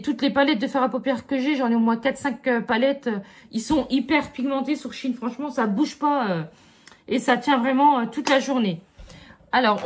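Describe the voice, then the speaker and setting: A middle-aged woman chatting casually through a haul review, full of fillers and asides to her viewers. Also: high-pitched. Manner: chatty, many fillers like euh and franchement. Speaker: beauty vlogger.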